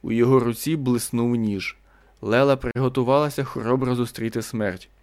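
A man narrating a science fiction story as an audiobook in a steady, even manner. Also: mid-range voice, moderate pace.

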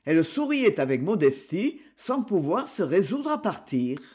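A man reading a classic novel aloud in a measured, expressive storybook narration. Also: high voice, husky. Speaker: audiobook reader. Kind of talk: literary narration.

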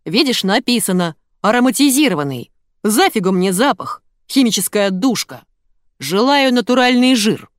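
A woman playing a loud, pushy fifty-year-old shopper. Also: low voice, very animated, no room sound, clean studio sound. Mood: angry. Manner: slow, loud, bossy demands. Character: rude pushy middle-aged woman customer.

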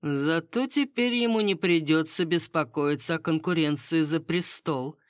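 A woman's voice: deep voice, unhurried, dry recording. A woman doing a sardonic court lady. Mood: ironic. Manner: dry, ironic, unflustered. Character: sardonic, cool-headed aristocratic court lady.

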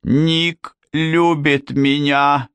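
A man voicing a desperate, obsessive seventeen-year-old girl with a shrill, clinging manner. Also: unhurried, fairly bright tone, dry recording, natural voice. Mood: hissing.

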